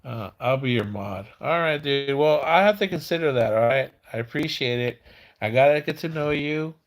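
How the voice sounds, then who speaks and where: A man's voice: medium pitch, lively intonation. Man in his fifties with slurred, mumbling speech. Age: 50s. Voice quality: slurred, mumbling speech as if half the tongue is numb. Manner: halting, repeats words, street-casual phrasing. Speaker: live stream host. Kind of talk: casual rambling live-stream chat.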